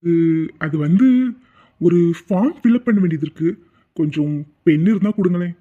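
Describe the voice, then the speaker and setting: A man's voice: high voice, moderate pace, dark tone, slightly rough. A man voicing a fumbling lovestruck young man. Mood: sheepish. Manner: hesitant, fumbling. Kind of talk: cartoon voice acting. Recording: tinny phone-like audio.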